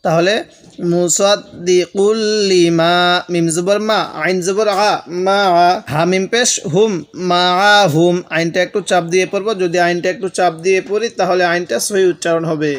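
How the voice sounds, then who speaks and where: A man teaching Quran recitation, spelling each word letter by letter and then chanting it slowly, speaking directly to viewers as a patient instructor. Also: sits high, steady tone. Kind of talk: spelled-out Quran reading lesson.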